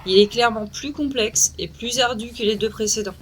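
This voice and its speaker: A woman's voice: a little high, brisk, slight background noise. A middle-aged woman hosting and narrating a video game review. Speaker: video host. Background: music.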